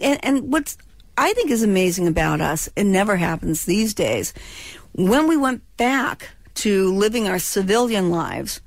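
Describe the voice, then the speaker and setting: A fairly high-pitched woman in her sixties from California, a former child actor, chats and jokes as a radio guest with a slight lisp. It's casual radio interview talk, recorded dry.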